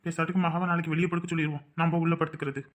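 A woman's voice: low-pitched, level tone, very fast, noisy background, close to an everyday voice. A woman playing a weary, easygoing middle-aged husband and father in a family drama, with a placating manner and a Tamil Nadu accent. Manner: placating and tired.

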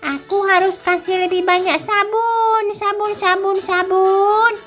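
A woman's voice: extremely high pitch, steady tone, unhurried, a bit bright, soft background music, pitched above the performer's own voice. A woman voicing a jealous, mischievous little boy in a game, talking in a whiny, childish way.

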